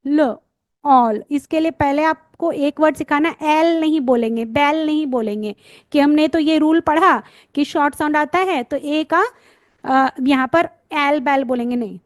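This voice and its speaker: Slow, high-voiced woman teaching phonics. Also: no room sound. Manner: patient, slow sounding-out of letters and blends; checks in with students often. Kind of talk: spoken lesson, sounding out words.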